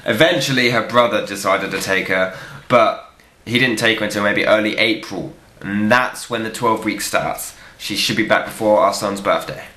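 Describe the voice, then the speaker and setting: A young man, a film reviewer, answering viewer questions in a casual vlog, blunt, joking and quick to swear. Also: fairly low pitch, bright, forceful tone. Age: young adult. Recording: echoey room.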